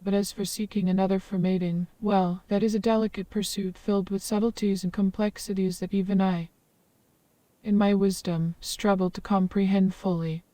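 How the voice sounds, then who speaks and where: A woman's voice: medium pitch, level tone, normal speed, warm tone, dry recording, far from the mic, close to an everyday voice. A synthetic woman's voice playing a wise old hermit woman of the forest who speaks in long, ornate, formal sentences. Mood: calm, flowery.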